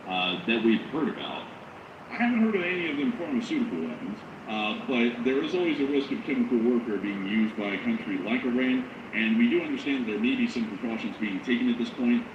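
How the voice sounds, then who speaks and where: A man from the United States co-hosts a livestream in a radio-announcer voice of medium pitch. He chats casually and reads out supporter messages. The recording is roomy and noisy. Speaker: co-host of live news stream. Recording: roomy, dull lo-fi, clear background noise.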